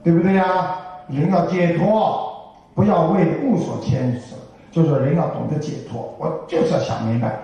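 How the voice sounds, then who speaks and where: An older man delivers a Buddhist dharma talk in a folksy, chatty way, often asking his listeners rhetorical questions. His voice sits fairly high but sounds mellow and soft-edged. It is picked up from a distance in a strongly echoing hall. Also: moderate pace, dull audio. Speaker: Buddhist teacher. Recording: echoey hall from far off.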